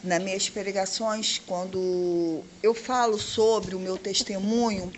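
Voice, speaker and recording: A woman's voice: mid-range voice, fairly even intonation, slow pace, a little hiss or hum. A woman, a missionary who speaks earnestly and in a preaching way about her testimony. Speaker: missionary, podcast guest.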